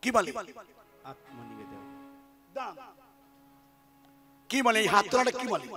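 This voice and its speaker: A man's voice: very high-pitched, slow. A man who sings and preaches at a devotional kirtan, animatedly questioning a large live audience, with devotional music behind him. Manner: animated, questions the crowd directly. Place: large live religious gathering.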